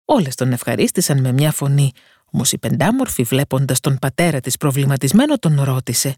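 A woman storyteller giving a scripted fairy-tale narration in a calm, measured way. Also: very deep voice, breathy edge, no room sound, clean studio sound.

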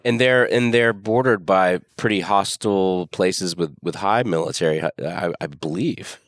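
Low-voiced guy telling travel stories on a podcast, dry close mic. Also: normal speed, dry recording. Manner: animated storyteller, stumbles and restarts. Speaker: podcast co-host. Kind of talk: casual chat.

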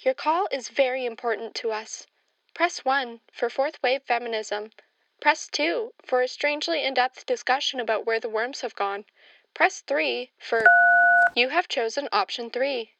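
A woman's voice: high voice, a little slow, vocal fry, fairly bright tone, dry recording, low-quality recording. A woman doing a mock phone-menu recording in a polite, automated-sounding voice.

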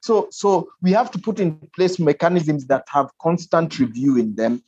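A man's voice: fairly high pitch, moderate pace, darkish tone, breathy edge, dry recording. Kenyan-accented man, muffled lo-fi sound. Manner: emphatic, repeats phrases for stress. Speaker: interview guest, conservationist. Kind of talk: spoken interview, explaining and opining. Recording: dull, muffled lo-fi audio.

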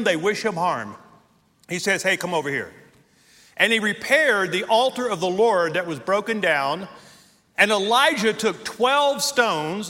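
Animated preacher in a reverberant hall. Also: male voice, sits high. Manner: animated storytelling, acts out quotes. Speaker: pastor. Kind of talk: sermon.

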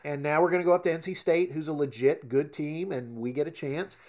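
A man's voice: on the high side, a little fast. A man co-hosting a sports talk show, talking emphatically and ranting about his team. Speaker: co-host.

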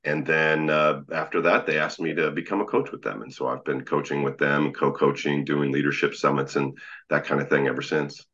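A man with an extremely low, magnetic voice that still has a bright, forceful edge. He speaks conversationally, telling stories as an interview guest. The recording is slightly dull and lo-fi. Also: steady tone, a little fast. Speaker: podcast guest, leadership coach.

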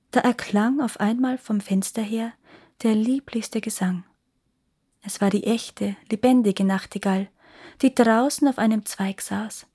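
A woman reading a fairy tale aloud as a storyteller, expressive and sinking into hushed tones at quiet moments. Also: mid-range voice, vocal fry, slightly rough.

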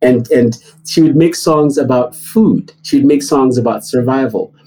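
A middle-aged man from Nigeria answering interview questions, telling stories with animated, climbing emphasis. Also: moderate pace, breathy edge, poor audio. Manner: animated storytelling, rising high for emphasis. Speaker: guest.

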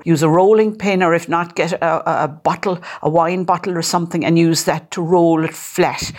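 Middle-aged lady, lowish voice, chatty how-to talk, keeps repeating words as she thinks. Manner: chatty, explanatory, often repeats words while searching. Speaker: home cook explaining afternoon tea. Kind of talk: informal spoken explanation. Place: at home.

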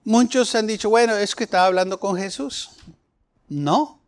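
A man's voice: sits high, normal speed. A man preaching a sermon in an emphatic style, with questions that rise sharply.

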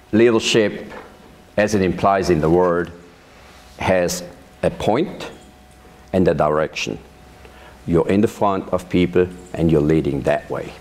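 A man, recounting his life in a measured, storytelling way during an oral history interview. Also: deep voice, a little mellow. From Switzerland. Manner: measured storytelling with occasional laughs. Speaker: interviewee, vineyard manager. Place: his farm.

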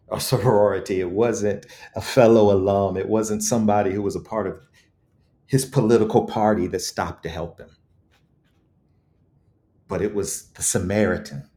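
A man with a lowish, mellow voice appears as a guest author in an interview. He is reflective and eloquent, telling stories in an emphatic, preacherly style with rhetorical repetition.

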